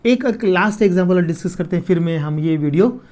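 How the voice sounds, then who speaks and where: A man's voice: high voice, darkish tone. Chemistry teacher, man. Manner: repeats key terms slowly, asks students "clear?". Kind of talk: casual classroom lecture.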